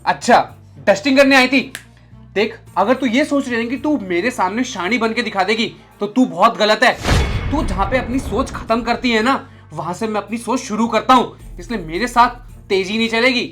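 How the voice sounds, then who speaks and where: A man's voice: very high voice, moderate pace, fairly bright tone, faint music behind. A young man playing an arrogant employer who harshly and contemptuously scolds his maid. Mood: angry scolding. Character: arrogant young male boss, short-tempered. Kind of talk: short film acting.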